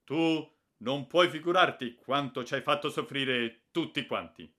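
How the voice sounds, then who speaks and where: A man's voice: medium pitch, unhurried, sharp tone, voice pushed up. A man voicing a stern but secretly amused father in an audiobook. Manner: stern, firm.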